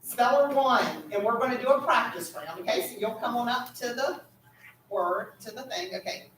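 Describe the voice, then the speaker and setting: A woman's voice: a little high, normal speed, fairly bright tone. A woman leads a school spelling bee as its pronouncer, patient and instructive, explaining rules and calling out words. She is heard from some distance in an echoey school room. A faint hum of background noise sits under her voice. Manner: patient, instructive, repeats "okay?".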